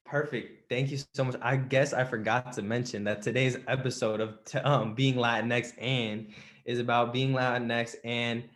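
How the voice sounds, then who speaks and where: A man's voice: mid-range voice, flat delivery, normal speed, a bit bright. Young man hosting a casual podcast. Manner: friendly, casual introductions. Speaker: podcast host.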